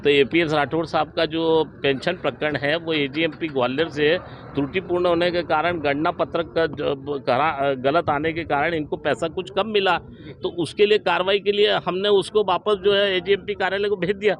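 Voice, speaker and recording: A man speaks as a government official, explaining procedure in a halting, bureaucratic way. His voice is high, and faint traffic noise sits behind him. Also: fairly even intonation. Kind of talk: interview response.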